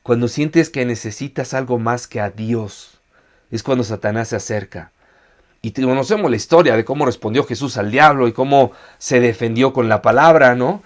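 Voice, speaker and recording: A man's voice: mid-range voice, normal speed. A man giving an earnest sermon as a pastor, asking his listeners rhetorical questions. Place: church online meeting.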